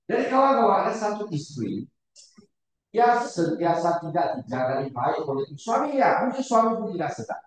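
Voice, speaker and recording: A man preaching a sermon to a congregation, repeating words and shouting for emphasis, often putting questions to his listeners. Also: sits high, big pitch swings, moderate pace, slight background noise. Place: church hall. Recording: very echoey church hall, far from the mic.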